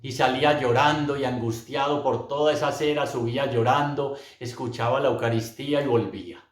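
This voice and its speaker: A man's voice: medium pitch, fairly even intonation, brisk. A middle-aged man giving an earnest, emotional religious testimony, speaking straight to his listeners. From Colombia. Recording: roomy echo.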